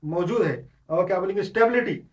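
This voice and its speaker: Briskly, a male Islamic teacher with a high voice explains his points step by step in an unscripted lecture, mixing English terms into Hindustani. He restarts often and uses filler sounds, and the distant mic makes it lo-fi.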